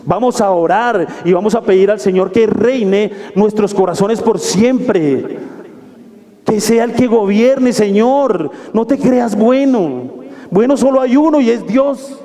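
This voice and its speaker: Brief: pastor preaching, high mellow voice, fervent, hall reverb. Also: male voice, slow. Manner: fervent, exhorting, swings from soft to raised. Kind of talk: sermon. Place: church hall. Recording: echoey hall.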